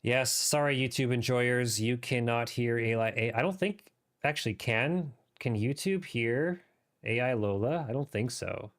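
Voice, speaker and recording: A man's voice: mid-range voice, a little slow, a bit bright. A man streaming a game live, chatting casually and riffing off the cuff in a rambling way. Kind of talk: casual livestream chat while gaming.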